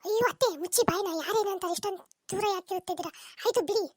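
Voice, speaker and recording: A squeaky, rapid-fire young daughter-in-law, played by a woman, quick with comebacks in a cartoon household squabble. The voice sits very high and runs very fast, recorded dry and close. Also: darkish tone, dry recording. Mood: defensive. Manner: quick, retorting, argumentative. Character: sharp-tongued young daughter-in-law, defensive. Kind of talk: comic cartoon dub.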